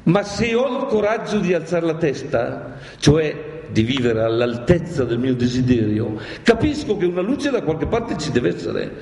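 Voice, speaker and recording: A man giving a lively public talk, lecturing theatrically and with animated drama. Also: a little high, normal speed. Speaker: speaker lecturing on Dante. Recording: echoey hall.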